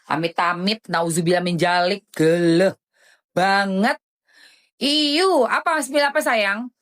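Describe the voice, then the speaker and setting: A woman's voice: mid-range voice, slow, a bit bright. A woman doing live-stream commentary in a dramatic, indignant way, often calling her listeners darling.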